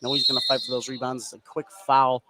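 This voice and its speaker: This live radio basketball broadcast features a play-by-play man whose mid-range voice stays fairly flat in pitch and moves fast. He tracks the action in brief, clipped present-tense bursts, with clear background noise throughout.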